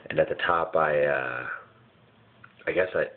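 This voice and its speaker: Very deep-voiced man hazily recounting puzzling dreams. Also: unhurried. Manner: hazy, puzzled recounting, vague and searching for words. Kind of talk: casual personal dream recounting. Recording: muffled phone-like lo-fi sound.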